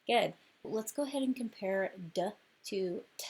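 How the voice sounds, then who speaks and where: A woman's voice: medium pitch, a little slow, darkish tone, husky. A woman teaching a children's phonics lesson, patiently demonstrating each sound aloud.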